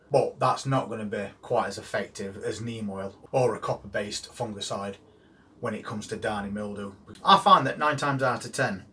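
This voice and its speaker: Plain-spoken older gardener. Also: male voice, on the low side, fairly bright tone. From England. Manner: plain, practical, talks straight to camera. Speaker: gardening channel host. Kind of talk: instructional gardening video. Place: greenhouse on an allotment.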